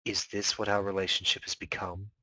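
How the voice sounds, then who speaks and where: A man voicing a dark, petulant inner spirit in a low hushed whisper. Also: level tone, a little fast, no echo, poor audio. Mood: sulky.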